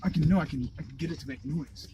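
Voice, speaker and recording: A man chatting casually and excitably while driving, swearing a lot as he hunts for scooters. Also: on the high side, fast talker. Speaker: vlogger hunting scooters. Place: in a car, then outdoors on a street. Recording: distant mic, loud traffic and wind noise.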